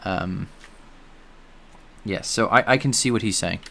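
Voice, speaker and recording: Here a man livestreams his coding, narrating his thoughts and answering chat casually; he is a native English speaker. He talks unhurriedly, his voice low, bright, and forceful, with some vocal fry.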